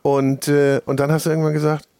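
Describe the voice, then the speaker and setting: A man hosting a casual interview at a festival, chatty and quick with short affirming interjections. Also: on the high side, little pitch movement, mellow, clear, resonant tone, no room sound. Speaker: podcast host interviewing chefs.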